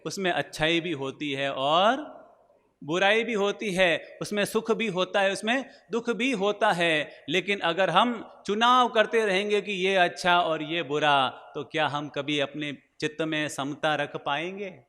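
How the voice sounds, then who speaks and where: A man's voice: high voice, a little slow, bright, forceful tone. A male monk preaching a sermon, telling anecdotes and asking rhetorical questions. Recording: long hall reverb.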